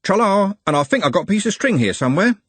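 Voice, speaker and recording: A man's voice: high voice, big pitch swings, quick pace, breathy edge, no room sound, pitched above the performer's own voice, full character voice. A man voicing a cheerful, robust young man who talks eagerly and breezily.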